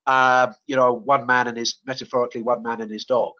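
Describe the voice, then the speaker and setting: A man giving a webinar talk, speaking in a mid-pitched voice that keeps stopping on "uh" and "you know" and starting phrases over. The sound is dull and lo-fi, typical of webinar audio. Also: flat delivery, fairly quick, sharp tone. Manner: hesitant, many fillers and restarts. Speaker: webinar presenter. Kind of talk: webinar presentation and Q&A.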